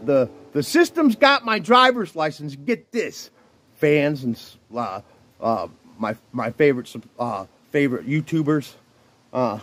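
Rough-talking man in his fifties on a bike. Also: a little high, dry recording. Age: 50s. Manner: rough-spoken, earnest, halting with many restarts. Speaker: vlogger. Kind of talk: rambling religious talk to camera. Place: outdoors, riding a bicycle in the rain. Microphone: phone held while riding. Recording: wind noise and rain hitting the phone mic.

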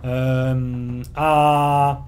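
A man's voice: medium pitch, little pitch movement, drawn-out words, darkish tone. A man acting as game master, casually describing the scene to his players in the second person, loose and hesitant. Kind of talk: casual narration of a tabletop role-playing game.

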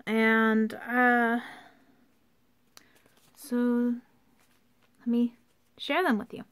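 High-voiced young woman vlogging in a basement. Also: monotone, very slow, a bit bright. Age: young adult. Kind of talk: informal video rant, partly read from notes. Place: unfinished basement used for storing workout equipment.

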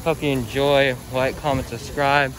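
Phone held at arm's length, a teenage boy wanders a mall at night for a casual vlog, talking a little slowly in a mid-range voice. His loose, filler-laden rambling ends in upbeat sign-offs, with steady outdoor noise in the background.

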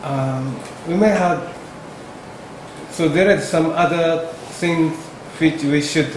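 In an echoey seminar room with a projector screen, a medical ethics presenter leads an academic discussion in English as a second language. His voice sits on the high side, and he speaks slowly and haltingly with many fillers and restarts. Background noise accompanies the echo.

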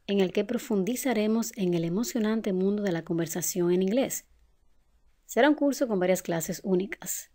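A woman, teaching a beginner English lesson in a slow, clear voice. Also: medium pitch, warm tone. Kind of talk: language lesson narration.

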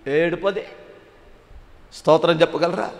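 A man preaching a sermon as pastor, with a Telugu accent from Andhra Pradesh, swinging between loud exhortation and quiet asides. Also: on the high side, fairly even intonation, normal speed, gravelly. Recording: long hall reverb.

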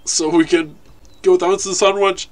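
A man's voice: high voice, fairly even intonation, normal speed. A man with a Danish accent giving playful let's play commentary and retelling the characters' lines in English. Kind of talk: casual gameplay commentary.

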